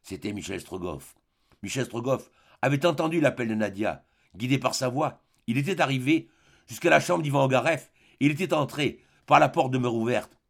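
Gravelly male narrator, mid-pitched, measured dramatic audiobook reading. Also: animated.

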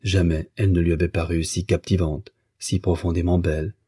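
A man reading a classic novel aloud in a measured, even way. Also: low voice, husky, no echo, clean studio sound. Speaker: audiobook narrator. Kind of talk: scripted literary narration.

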